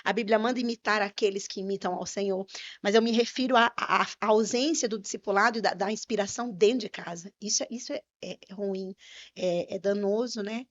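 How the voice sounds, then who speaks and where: A woman's voice: mid-range voice, steady tone, a little fast. A woman minister, a podcast guest, telling an earnest personal testimony with fervent religious emphasis. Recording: slightly muffled podcast audio.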